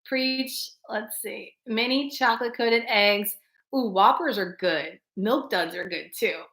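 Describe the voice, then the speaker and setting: Chatty bright-voiced woman. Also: a little high, slow, echoey room. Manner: chatty, laughs often, talks straight to viewers. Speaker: livestream host reading chat. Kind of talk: casual live chat.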